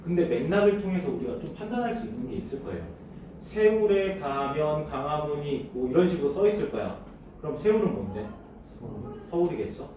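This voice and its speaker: A man's voice: on the high side, big pitch swings, a little fast, noisy background. Man lecturing in an echoey classroom. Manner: asks students questions and answers them himself. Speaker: teacher. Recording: echoey room, voice from far off.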